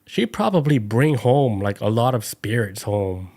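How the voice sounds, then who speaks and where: A man's voice: fairly low pitch, sing-song, unhurried, darkish tone. Man telling a loose, rambling story. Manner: loose storytelling full of "like" and acted-out voices. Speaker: podcast co-host. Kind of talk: casual chat.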